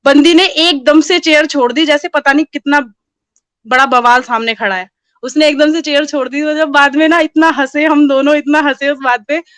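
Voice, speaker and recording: A woman's voice: sits high, moderate pace, no room sound. A woman telling a personal story in casual conversation and acting out the dialogue as she goes. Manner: animated, acts out quoted dialogue.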